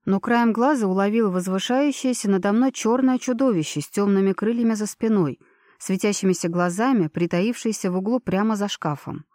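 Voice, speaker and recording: A woman's voice: mid-range voice, fairly quick, mellow, no echo. Woman narrating an audiobook, dry close sound. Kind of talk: scripted narration.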